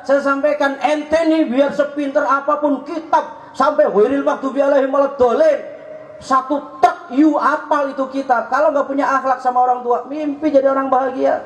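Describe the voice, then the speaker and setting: High-voiced Betawi preacher in an echoey hall. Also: male voice. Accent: Jakarta Betawi. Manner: joking, rising to shouts at points. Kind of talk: sermon. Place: mosque or prayer hall. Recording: echoey hall with faint hum.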